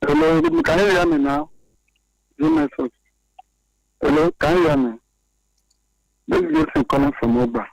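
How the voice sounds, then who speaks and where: Nigerian male caller, gravelly, on a failing phone line that keeps dropping out, repeating himself to be heard. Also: fairly high pitch, wildly swooping pitch, normal speed, long pauses, no echo. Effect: phone call dropping out, barely coming through. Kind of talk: phone-in call to radio talk show.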